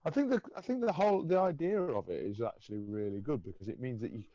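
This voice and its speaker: A man's voice: mid-range voice, very animated, fast talker, dark tone, no room sound, highs cut off. A man co-hosting a casual livestream chat, explaining things matter-of-factly.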